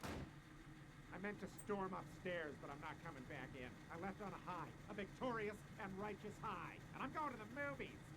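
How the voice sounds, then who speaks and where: A man's voice: high voice, expressive, normal speed, heavy background noise. A man voicing a snide, flamboyant cartoon space alien who lectures in a haughty, condescending way. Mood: indignant.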